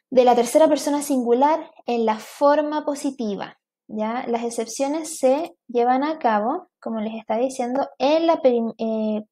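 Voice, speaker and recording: High-voiced woman teaching English grammar. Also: mellow. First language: Spanish. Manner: mixes Spanish explanation with English examples, checks in with "¿ya?"; slow, careful reading of example sentences. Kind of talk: online grammar lesson.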